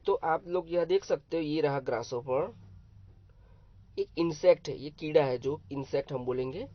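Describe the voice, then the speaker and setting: A man teaching young pupils new words, spelling each one letter by letter and then explaining it slowly and patiently. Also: a little high. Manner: slow, patient, repetitive. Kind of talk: vocabulary lesson for young pupils. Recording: dull, dry lo-fi sound.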